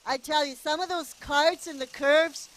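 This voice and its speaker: A woman's voice: sits high, fairly even intonation, measured pace, a bit bright. A woman doing casual play-by-play commentary at a go-kart race, chatty and cheering the drivers on. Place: outdoor go-kart race track.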